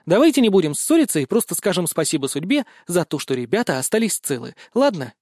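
A man voicing a calm, wise female spirit who speaks reasonably and soothingly in an audiobook. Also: sits high, fast, no echo, clean studio sound, pitched above the performer's own voice.

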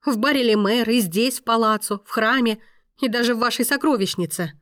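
A woman reading a novel aloud, voicing a frightened and furious young heroine in shrill angry outbursts. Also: fairly quick, fairly bright tone, no echo, studio quality, close to an everyday voice.

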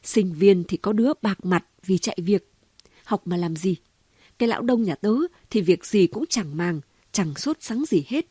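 A gossipy city woman with a mocking, exclamation-filled way of talking, voiced by a woman reading a novel aloud. The voice is mellow and a little husky. The sound is dry and close. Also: medium pitch, expressive, moderate pace, dry recording. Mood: gossiping. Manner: chatty, mocking, full of exclamations. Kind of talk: audiobook reading.

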